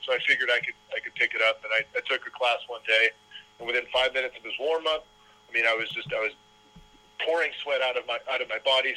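A man, a documentary filmmaker, telling his story in an interview with quick, stumbling restarts. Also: mid-range voice, sharp tone, poor audio. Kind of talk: casual interview talk.

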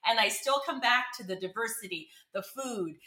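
A woman's voice: a little high, moderate pace, bright, forceful tone, echoey room. A woman from Ontario hosting a podcast, chatty and affirming. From Burlington, Ontario, Canada. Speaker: podcast host. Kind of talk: casual interview talk.

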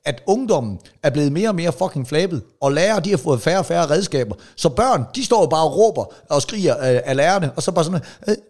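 A man's voice: fairly high pitch, expressive, few pauses, darkish tone. A middle-aged man, a comedian co-hosting a podcast, telling rambling stories with lots of swearing and restarts. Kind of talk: casual chat, telling stories.

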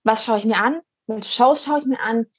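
A woman's voice: a little high, moderate pace, breathy edge, dry recording. Earnest young woman, dry close sound. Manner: earnest, reflective, many fillers and restarts. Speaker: guest. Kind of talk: casual interview conversation.

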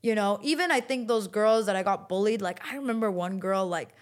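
A woman's voice: mid-range voice, a little fast. A young woman, a fashion model, talking casually as a guest in an interview, chatty and full of filler words. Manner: chatty, storytelling, many "like" fillers.

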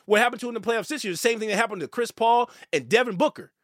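Sports talk host, man, high-pitched, heated opinion rant, dry close sound. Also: rapid-fire, no room sound. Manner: animated, ranting, stammers when worked up.

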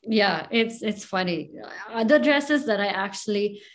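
A woman chatting casually, modest and self-deprecating, with halting phrasing that often starts over. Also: mid-range voice, lively intonation. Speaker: fashion designer. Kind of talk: casual chat.

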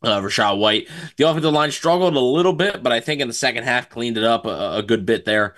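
A man co-hosting a sports podcast, giving casual post-game analysis in a halting, conversational way. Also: mid-range voice, fairly bright tone.

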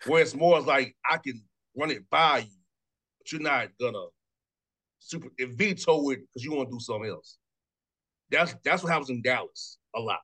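A man in his thirties hosts a sports radio interview in a loose, chatty way. He talks quickly, doubles up on words and breaks into laughs, with a voice in an ordinary middle pitch. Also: pushed and bright. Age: 30s. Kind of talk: casual sports talk interview.

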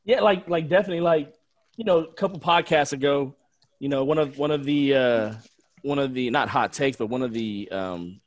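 A man's voice: mid-range voice, normal speed. A man hosting a podcast with informal, bantering chat. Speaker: podcast host. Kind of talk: casual chat.

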